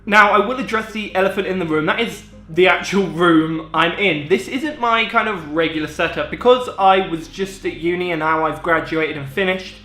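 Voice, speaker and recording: A man's voice: high-pitched, moderate pace, hardly any pauses, pushed and bright, soft background music. A British man in his twenties chatting informally as a gaming vlogger, explaining things casually in a very echoey room at home. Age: 20s. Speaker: gaming video creator. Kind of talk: casual vlog chat. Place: echoey room in parents' house. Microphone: on-camera shotgun mic.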